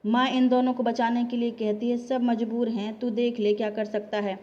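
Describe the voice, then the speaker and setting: A blunt, exasperated young husband in a family story, as a woman narrator plays him. The voice stays in her own slightly high register and comes through a dull, lo-fi recording. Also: flat delivery, moderate pace, a little mellow, close to an everyday voice. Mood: despairing.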